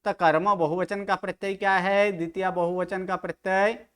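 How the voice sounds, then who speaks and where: A man's voice: sits high, level tone, moderate pace, a bit bright, clear, resonant tone. A man teaching Sanskrit grammar to a study group, quizzing students with questions and correcting their pronunciation. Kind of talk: online study-group lecture.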